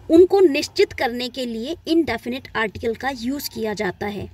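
A woman teaching an English grammar lesson, explaining slowly and giving spoken examples. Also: high-pitched.

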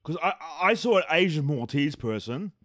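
A man's voice: a little high, expressive, normal speed, a bit bright, dry recording, studio quality. A man co-hosting a podcast, joking and sceptical in casual banter. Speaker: podcast co-host. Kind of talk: casual chat.

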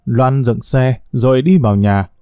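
Male narrator, expressive story reading, dark mellow voice, dry close sound. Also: mid-range voice, unhurried, clear, resonant tone, no echo, faint music behind. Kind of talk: scripted narration.

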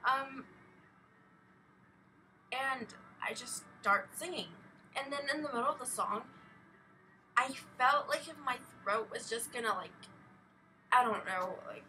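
A bright, high-voiced young adult woman rambles through a personal vlog about something she went through, halting frequently and filling gaps with "like." The setting is a small bedroom at home, recorded on a webcam or laptop at arm's length, so it's distant with faint noise.

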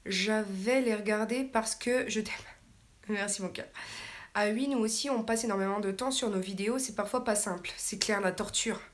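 Woman vlogger, casual live Q&A, chatty and halting, home camera mic. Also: medium pitch. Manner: chatty, hesitant, many fillers, affectionate with viewers. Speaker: YouTuber hosting a live Q&A. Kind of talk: casual live-stream chat reading comments. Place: home, at night.

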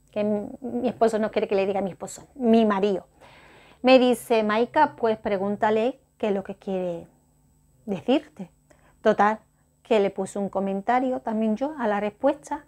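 A middle-aged woman, chatting slowly and deliberately to her viewers, often stopping to correct herself. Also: mid-range voice, mellow. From Spain. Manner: slow, careful, deliberate speech; chatty, self-interrupting. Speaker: vlogger. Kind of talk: casual talk to camera.

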